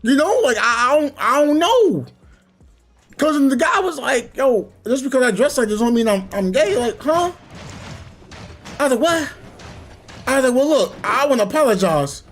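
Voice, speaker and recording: A man's voice: very high voice, moderate pace, long pauses, faint music behind. A man streaming a game, telling a long rambling story in casual chat and acting out the people in it. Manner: rambling, animated storytelling with voiced quotes. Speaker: gaming streamer. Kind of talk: casual chat while gaming.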